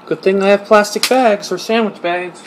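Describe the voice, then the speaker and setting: A man's voice: sits high, fairly even intonation, moderate pace, slight background noise, rough recording. A young man making a casual cooking vlog at home, joking and mocking himself. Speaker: YouTuber. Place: home kitchen. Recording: music playing underneath.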